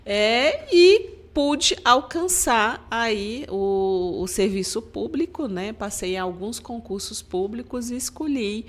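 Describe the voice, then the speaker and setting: A woman's voice: fairly high pitch, lively intonation, slow, few pauses. A middle-aged woman from Maranhão, Brazil, a guest on a podcast interview, telling her story earnestly and often ending phrases with "né?". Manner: earnest, storytelling, frequent "né?" tags. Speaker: guest, government agency head.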